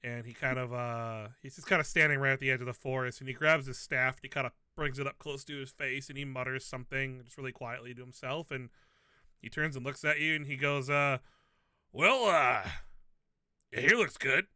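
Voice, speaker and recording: Male player, very bright and crisp tone, dry close sound, easygoing narration. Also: medium pitch, fairly quick, no room sound. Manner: relaxed, lots of "kinda". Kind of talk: describing his character's actions.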